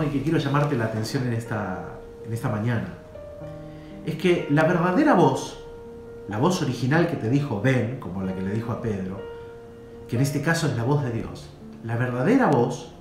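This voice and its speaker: Man, emphatic sermon, animated pitch, roomy church echo. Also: moderate pace. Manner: preacher's swells and drops, emphatic. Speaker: preacher. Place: church hall. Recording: echoey hall with faint guitar.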